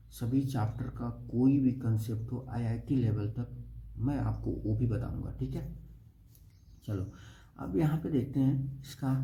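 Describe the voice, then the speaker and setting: Gravelly young man teaching math. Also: mid-range voice, dark tone. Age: young adult. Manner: explains step by step, keeps asking "okay?". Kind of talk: blackboard math lesson. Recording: echoey room with faint noise.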